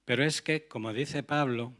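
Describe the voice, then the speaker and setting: A man's voice: medium pitch, moderate pace, fairly bright tone. Earnest male preacher. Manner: earnest, rhetorical questions to the congregation. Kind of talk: sermon.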